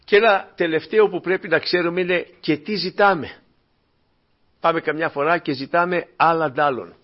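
A man preaching a sermon to his congregation with fervor, moving between quiet, low asides and loud, emphatic peaks. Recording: dull lo-fi recording.

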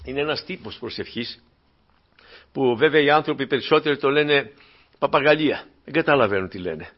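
A man preaching a sermon to his congregation with fervor, moving between quiet, low asides and loud, emphatic peaks. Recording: dull lo-fi recording.

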